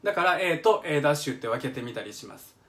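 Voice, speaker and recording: A man's voice: a little high, big pitch swings, fast, fairly bright tone. A middle-aged man with a Kansai accent, eagerly explaining music on a live stream from his home kitchen and reading out viewer comments. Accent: Kansai Japanese. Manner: eager, chatty explainer who hums examples and reads out viewer comments. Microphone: phone or webcam on a live stream.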